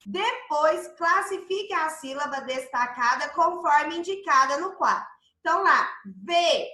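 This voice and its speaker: A patient Brazilian primary school teacher, a woman with a high, bright voice, talks slowly to her young pupils. She keeps asking if they follow along and calls herself their aunt. Her voice rings a little in an echoey room. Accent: Brazilian Portuguese. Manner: patient, checks understanding with the children often; refers to herself as "tia" to the kids. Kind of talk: remote lesson explaining a workbook exercise.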